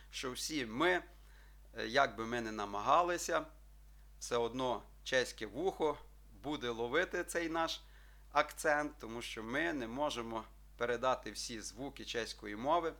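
A man teaching a video language lesson, calling his listeners friends, checking in with them often and drawing out his example words slowly. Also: mid-range voice, bright, forceful tone. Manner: addresses listeners as friends, checks with frequent "так?"; slow, drawn-out model pronunciations.

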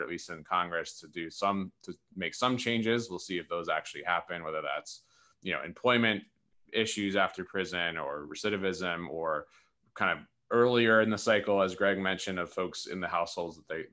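A man's voice: deep voice, brisk, pushed and bright. A man in his thirties, an interviewer on a video call, framing long, articulate questions from a room at home. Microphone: video call webcam.

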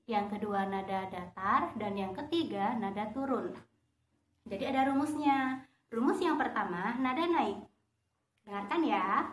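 Woman, patient encouraging teacher, unhurried speech, roomy echo. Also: medium pitch, slight background noise. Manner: patient, encouraging, sings the recitation. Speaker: Quran recitation teacher. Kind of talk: slow online lesson for children.

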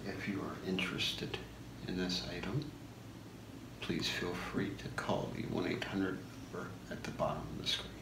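Low, creaky man in a whispered role-play. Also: steady tone. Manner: soft-spoken, slow, deliberate product pitch. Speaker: shopping channel host in a role-play. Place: small home room, indoors. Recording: echoey room with clear background noise.

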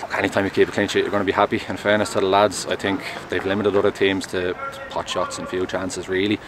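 In a night-time post-match interview, a young goalkeeper stands in front of a sponsor board outside a stadium. His slightly low voice comes across quick yet measured, earnest and steady, captured on a close mic with an obvious traffic hum in the background.

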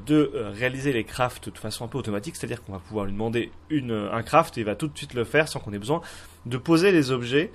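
Hesitant French man explaining a game. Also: medium pitch. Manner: hesitant, many filler sounds and restarts. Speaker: Minecraft mod tutorial host. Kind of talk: casual screen-recorded tutorial.

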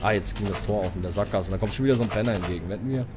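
A man giving live commentary on a horror game, swearing, ranting and yelling at the game. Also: lowish voice, rapid-fire, background noise. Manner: swears, rants and yells at the game. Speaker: streamer.

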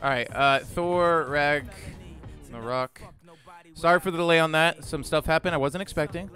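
A man livestreaming in casual chat, excitable and swearing freely as he talks to his chat. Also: fairly high pitch, moderate pace, faint music behind.

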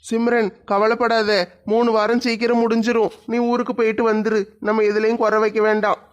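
A performer playing a mild, lovesick young husband in a comedy skit, speaking gently and sounding bewildered. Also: medium pitch, level tone, a little fast, muffled recording, lightly acted.

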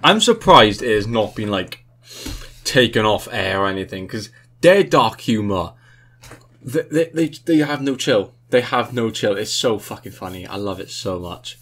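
A man's voice: lowish voice, animated, normal speed, a bit bright. A young adult man talking casually to viewers as the host of a reaction video.

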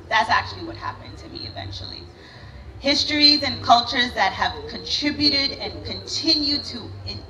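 A woman's voice: mid-range voice, pushed and bright, slight background noise, rough recording. A woman, giving an earnest prepared speech at a podium during an outdoor ceremony. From Sudan. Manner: earnest, measured public address. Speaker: organization CEO giving a speech. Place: outdoor event stage. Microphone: podium microphones.

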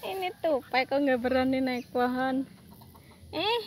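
High-voiced woman coaxing pets, slow and giggly. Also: slight background noise. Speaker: vlogger with pet squirrels. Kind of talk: casual vlog, coaxing pets. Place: outdoors by a tree in the morning.

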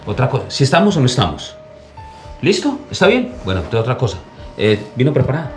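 A man's voice: medium pitch, big pitch swings, rapid-fire, soft background music. A man acting in a scripted short drama, insistent and pleading.

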